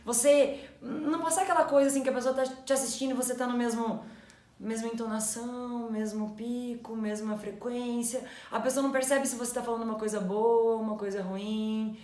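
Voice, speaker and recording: Animated woman in an echoey room. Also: on the high side, fast talker, few pauses. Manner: animated, acts out inner thoughts in quotes. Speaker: co-host. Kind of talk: casual explanatory chat.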